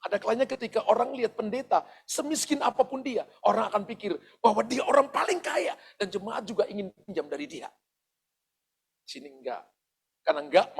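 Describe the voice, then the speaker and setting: A man's voice: high voice, creaky, breathy edge. A male pastor giving a sermon, speaking straight to his congregation with asides and the odd chuckle. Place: church service.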